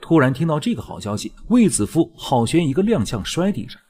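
A man's voice: a little high, very animated, fairly quick, a little mellow, slightly rough. A man narrating a drama recap as joking, colloquial, scripted storytelling commentary. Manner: wry, colloquial, playful.

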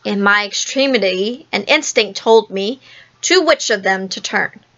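Lady reading a kids story out loud, super slow, kinda high voice, dull lo-fi audio. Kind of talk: storybook reading in first person.

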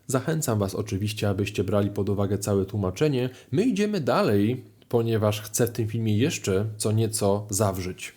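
A man teaching French grammar in a video lesson, explaining clearly with lively rises in his voice. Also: fairly low pitch. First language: Polish. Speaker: language teacher.

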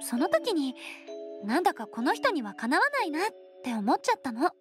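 A woman voicing an affectionate, gently bashful young girlfriend in soft, intimate pillow talk for a Japanese anime game. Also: sits high, wildly swooping pitch, brisk, soft background music. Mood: mildly pouting.

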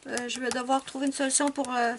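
A woman's voice: sits high, level tone, fast, slight background noise. A woman chatting casually as a coloring vlogger, rambling and correcting herself as she thinks aloud. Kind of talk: casual show-and-tell chat.

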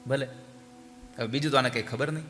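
A male preacher telling a devotional story in animated, exhorting sermon style. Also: mid-range voice, quick pace. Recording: hall reverb with faint music.

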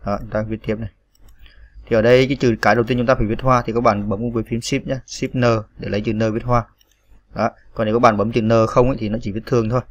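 A man's voice: medium pitch, fairly even intonation, fast talker. Patient man spelling out keystrokes. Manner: patient, spells out each key, many fillers. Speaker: computer tutorial instructor. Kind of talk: step-by-step screen tutorial.

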